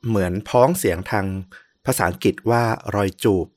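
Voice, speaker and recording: A man co-hosting a podcast, telling a historical story in a relaxed, chatty way with many fillers. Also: fairly low pitch, moderate pace, dry recording, studio quality.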